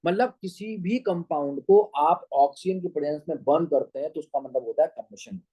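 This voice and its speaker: This chemistry teacher, whose Hindi carries a Punjabi flavour, lectures online at a brisk clip in a slightly high, dark voice with a breathy edge. He addresses students as beta and keeps asking if they've understood, recorded dry and close with no echo.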